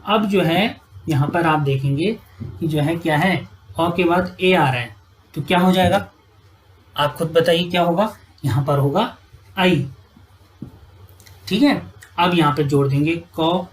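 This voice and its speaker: A deep-voiced woman teaches Hindi grammar from a whiteboard, repeatedly checking in with "ठीक है" and answering questions she asks the class. She spells sounds out slowly, and the audio quality is poor.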